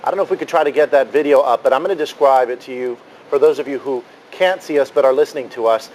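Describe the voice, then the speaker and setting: A man's voice: mid-range voice, quick pace, a little mellow, a little hiss or hum, rough recording. A man anchoring live breaking news, questioning reporters and describing pictures for the audience.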